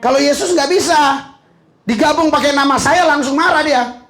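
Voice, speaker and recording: A man's voice: very high-pitched, moderate pace, fairly bright tone. A middle-aged man preaching a humorous sermon as a pastor, joking and laughing as he goes. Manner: joking, laughing, mixing in slang. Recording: echoey hall.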